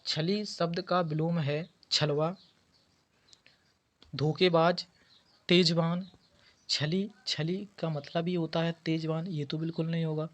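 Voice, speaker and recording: A man's voice: on the high side, level tone, takes it slowly, pauses often. A man teaching an exam preparation lesson, going through quiz answers and patiently repeating key words. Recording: dull lo-fi audio.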